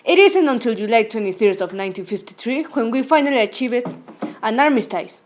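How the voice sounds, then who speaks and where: A woman's voice: a little high, animated, a little fast, a little hiss or hum. A woman narrating a scripted news report about past events.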